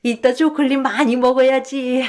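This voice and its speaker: A woman's voice: high-pitched, steady tone, normal speed, darkish tone, lightly acted. A woman voicing an elderly mother who has the mind of a seven-year-old girl, in a radio drama, talking in a childish, petulant way. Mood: childish, pleading. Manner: childish pleading, petulant demands. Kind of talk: Korean radio drama acting.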